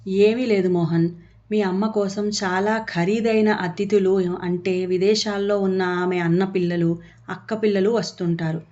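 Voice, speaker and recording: A woman's voice: mid-range voice, fairly even intonation, a little slow, mellow, close to an everyday voice. A woman voicing a firm, blunt young daughter-in-law in a storybook reading. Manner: blunt, cutting. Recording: dull lo-fi audio.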